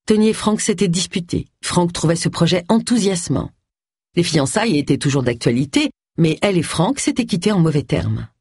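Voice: mid-range voice, normal speed, husky, dry recording, studio quality. An audiobook narrator reading a novel aloud in a scripted narration style, changing the voice for each character. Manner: expressive, shifts voice for each character.

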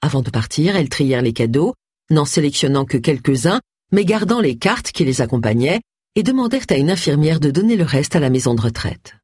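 An audiobook narrator reading a novel in an expressive, varied way. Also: mid-range voice, a little fast, slightly rough, dry recording, studio quality. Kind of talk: scripted narration.

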